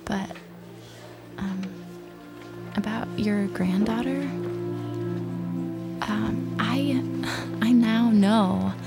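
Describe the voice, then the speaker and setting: A woman's voice: mid-range voice, very slow, pauses often, over loud music. An actress playing a blunt teenage girl with a dry, sarcastic way of talking.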